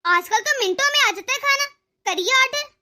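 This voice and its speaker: A woman's voice: extremely high pitch, lively intonation, moderate pace, pushed and bright, heavily acted. A woman voicing a spoiled, haughty young daughter-in-law in a cartoon story, sassy and dismissive.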